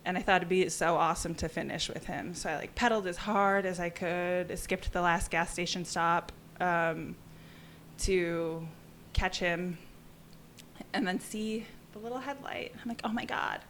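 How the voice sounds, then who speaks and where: A woman's voice: lowish voice, normal speed, slight background noise. A young adult woman, a podcast guest, telling a story in casual talk and acting out what people said. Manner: animated, acts out quoted exchanges. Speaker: podcast guest, endurance cyclist. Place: office, indoors.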